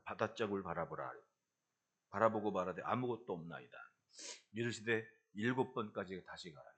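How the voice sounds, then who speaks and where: A middle-aged male pastor preaching a sermon in church, swinging between loud exhortation and low, confiding asides. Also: slightly rough. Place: church sanctuary.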